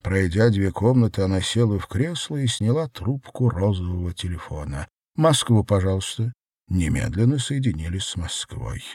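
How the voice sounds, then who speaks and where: A man narrating an audiobook in an expressive, dramatic reading. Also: low voice, moderate pace, hardly any pauses, slightly rough, no echo, clean studio sound.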